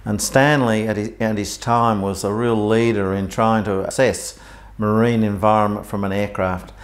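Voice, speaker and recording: Low-voiced man recounting fishing history. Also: steady tone. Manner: informal, halting with fillers. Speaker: interviewee. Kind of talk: oral history recollection.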